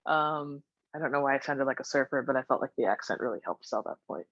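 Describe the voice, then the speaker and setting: A man interviewing in a casual webinar discussion over a video call, relaxed and peppered with filler words. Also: medium pitch, quick pace, dry recording, highs cut off.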